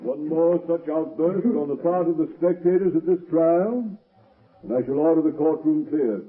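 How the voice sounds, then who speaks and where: An actor playing a stern, authoritative trial judge in 1930s radio style. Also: male voice, fairly high pitch, normal speed, close to an everyday voice. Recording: tinny, phone-like old radio recording.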